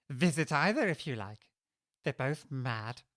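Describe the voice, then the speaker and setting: An actor playing a sly, grinning cat who chuckles between lines in a playful drawl, for a full-cast audiobook. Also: male voice, a little high, a bit bright, no room sound, clean studio sound, full character voice. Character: grinning, teasing Cheshire Cat, sly and amused.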